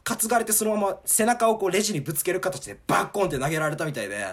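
A man telling a rambling, animated story in casual chat, full of fillers. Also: high voice, racing, husky.

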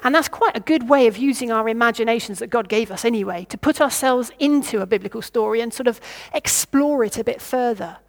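A woman with a fairly high voice preaches a sermon. She thinks aloud and asks her listeners what they would do. She sometimes stops and starts over her words. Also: a little fast, hardly any pauses. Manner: reflective, asks the listeners questions.

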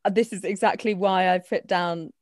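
A woman's voice: medium pitch, fairly even intonation, normal speed, darkish tone, dry recording. Chatty nineteen-year-old woman, dry sound. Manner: chatty, laughs often, many fillers. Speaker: co-host. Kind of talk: casual chat.

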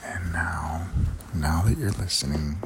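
A man doing ASMR in a low, breathy whisper close to the ear, speaking slowly and soothingly with long, deliberate pauses. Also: noisy background. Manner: close, intimate, right-in-your-ear delivery; slow, deliberate, drawn-out phrasing with pauses. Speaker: host. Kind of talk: ASMR, slow soft whispering monologue.

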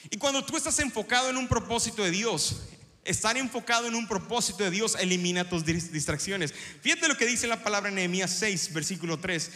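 Mexican male pastor, bright and high. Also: brisk. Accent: Mexican Spanish. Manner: storytelling, lively and engaging the congregation. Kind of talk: sermon. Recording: preaching with long hall reverb.

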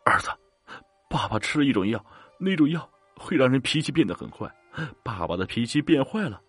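A man's voice: lowish voice, lively intonation, brisk, fairly bright tone, slightly rough, dry recording, soft background music. A man playing a grieving father who speaks in a choked, tearful, pleading way.

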